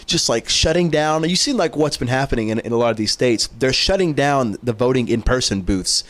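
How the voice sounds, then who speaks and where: A man's voice: medium pitch, brisk, a bit bright. A man co-hosting a podcast, rambling casually and laughing as he talks. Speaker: podcast co-host. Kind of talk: casual chat.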